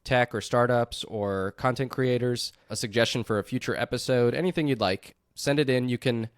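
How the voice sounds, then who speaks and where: Man co-hosting a relaxed podcast chat. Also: medium pitch, normal speed, clean tone, no room sound, studio quality. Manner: relaxed, laughs often, leads the talk. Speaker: podcast co-host. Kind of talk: casual chat.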